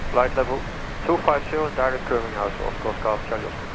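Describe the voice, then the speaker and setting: A man's voice: medium pitch, racing. A man speaking as a pilot, making clipped check-ins and readbacks over aviation radio. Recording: noisy cockpit radio transmission.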